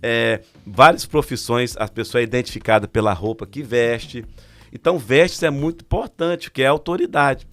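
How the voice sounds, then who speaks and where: Brazilian male pastor, podcast guest, animated storyteller, mid-pitched. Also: moderate pace. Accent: Brazilian Portuguese. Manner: animated, vivid storyteller acting out quotes.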